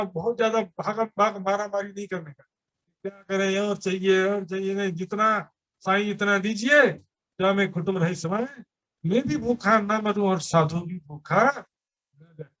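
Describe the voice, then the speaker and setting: A man's voice: high-pitched, fairly even intonation, moderate pace, fairly bright tone. A man giving a sermon at a temple gathering, explaining his teaching with everyday examples and rhetorical questions. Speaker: preacher.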